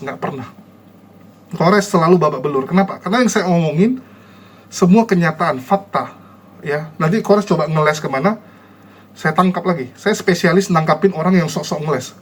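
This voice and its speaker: A man a high-pitched voice speaks casually to his online viewers. He is combative and mocking, and he scolds and ridicules the people he argues against.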